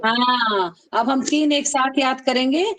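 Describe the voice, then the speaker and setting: A woman teaching an online class, affectionately calling her students "beta" and chanting rules slowly for them to repeat. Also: sits high, a bit bright. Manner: calls students "beta", drills them call-and-response. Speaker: Sanskrit teacher.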